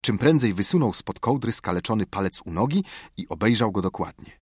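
A man narrating a children's classic as an audiobook, with expressive storytelling. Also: lowish voice, brisk, breathy edge, no echo, studio quality. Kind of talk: scripted narration.

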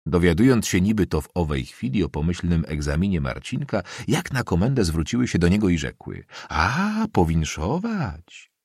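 A man narrating a classic novel in a measured, expressive reading. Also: deep voice, slightly rough, no room sound, studio quality. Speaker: audiobook narrator.

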